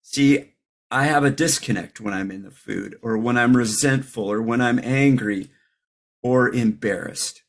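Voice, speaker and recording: A man's voice: mid-range voice, unhurried, creaky. A middle-aged man giving a candid, reflective personal share at a recovery meeting, with wry self-deprecating humor.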